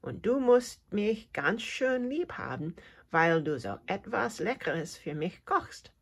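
A woman's voice: low voice, big pitch swings, slow, slightly rough, exaggerated voice. A woman voicing a little boy mouse who is a fussy eater, in a small, childlike voice, in a storybook reading. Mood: happy.

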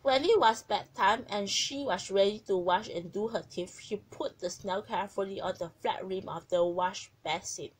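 Woman narrator, children's story read aloud, gentle and expressive, mid-pitched voice. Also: slightly rough, no echo, poor audio.

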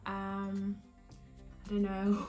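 A young woman speaks extremely slowly in a monotone, medium-pitched voice, slightly hoarse from a cold, as she chats through a hair tutorial full of ums and restarts. It's a casual step-by-step tutorial shot indoors in her living room. A camera sits in front of her at desk distance, and the room is echoey with soft music behind.

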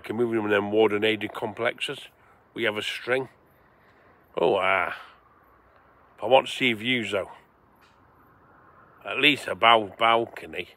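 A man in his forties from England chats to viewers on a rambling livestream, outdoors by the seaside at night. The vlogger swears freely, and his mid-range voice is gravelly, pushed and bright.

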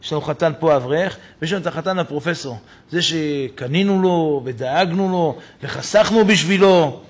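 A man giving voice to a worried elderly father who tells his story in a plain, rambling way, with a husky voice. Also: on the high side. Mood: explaining.

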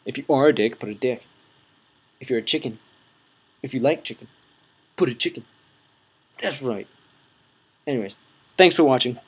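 A man's voice: medium pitch, a little fast, pauses often, slight background noise. A young man hosting a gaming channel, rambling and correcting himself as he comments on his play and talks to viewers.

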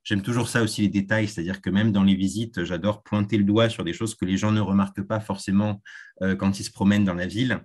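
A man who works as a tour guide, talking as a podcast guest in a thoughtful, hesitant way with pauses and repeats. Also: fairly low pitch, fairly even intonation, a little mellow. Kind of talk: relaxed interview answer.

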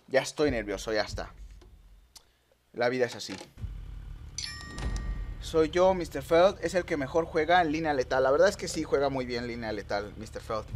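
A man streaming live gameplay commentary, excitable, muttering one moment and shouting the next. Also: mid-range voice, a little hiss or hum. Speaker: gaming streamer.

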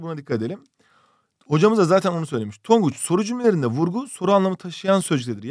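A man's voice: on the high side, dry recording, studio quality. A male teacher giving an online exam-prep grammar lesson, explaining step by step and asking rhetorical questions. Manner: reads out student questions from cartoons.

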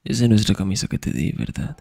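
A young man performs an intimate ASMR roleplay as a teasing, affectionate best friend, murmuring in a breathy, husky whisper. His voice is lowish and mellow, with lively intonation and a quick pace.

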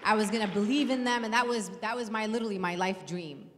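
A woman's voice: mid-range voice, fast, a faint crowd, a little hiss or hum. Earnest New woman on a handheld mic. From New York City. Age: 30s. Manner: earnest, emphatic, gestures while speaking. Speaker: panel speaker. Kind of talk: impassioned panel talk. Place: event hall, indoors. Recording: hall reverb.

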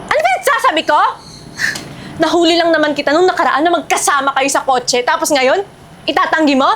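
A woman playing a furious wife who loudly accuses another of stealing her husband, in a short film. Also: high voice, lively intonation, brisk. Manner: loud, accusing, theatrical shouting. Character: furious wife confronting a suspected mistress.

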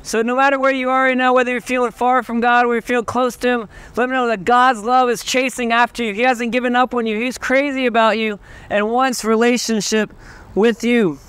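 High-voiced earnest young street preacher. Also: male voice, little pitch movement, a little fast, a bit bright, clear, resonant tone. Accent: Southern US. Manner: earnest, pleading, with restarts. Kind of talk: open-air street preaching. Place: outdoors on a town street.

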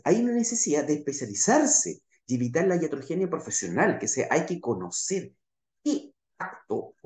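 A middle-aged man with a Chilean Spanish accent presents a conference talk over a video call, gesturing as he explains. His pitch swings widely and he keeps checking in with his audience. The webcam picks up a roomy echo from the small room around him. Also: a little mellow. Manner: gestures with his hands while talking. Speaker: naturopath lecturer. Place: small indoor room, plain wall behind.

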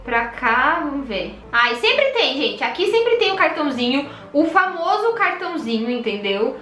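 A young Brazilian woman giving excited, chatty commentary on her own gameplay, shrieking at surprises and muttering through tasks. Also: high-pitched, normal speed, reverberant. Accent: Brazilian Portuguese. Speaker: gaming youtuber.

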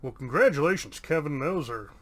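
A man's voice: fairly high pitch, expressive, fairly quick, a bit bright. A man hosting a casual pack-opening video, reading out card names in an upbeat, chatty way with an American accent. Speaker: YouTube host opening card packs.

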